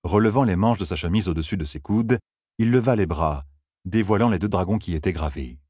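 A man narrating an audiobook in a steady, even reading manner. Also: sits low, brisk, slightly rough, dry recording, studio quality.

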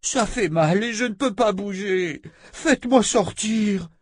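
A man's voice: sits high, measured pace, slightly rough, no echo, studio quality, voice pushed up. A man putting on a choking trapped king. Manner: gasping, strained pleading.

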